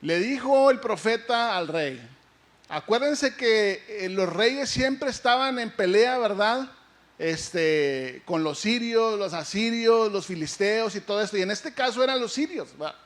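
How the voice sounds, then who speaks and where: A male pastor preaching a lively sermon, asking the congregation questions and acting out the story. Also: high-pitched, a little slow.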